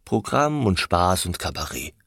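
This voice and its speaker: A man reading the part of a cool, world-weary young woman who speaks broken German, in a low, quiet, laconic tone. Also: sing-song, a little slow, no room sound, clean studio sound, exaggerated voice. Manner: laconic, unbothered.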